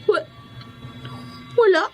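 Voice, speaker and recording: An actress playing a frightened young woman who sees a ghost, stammering and tearful, in a radio horror drama. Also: drawn-out words. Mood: terrified. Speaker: voice actor. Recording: radio drama with loud music underneath.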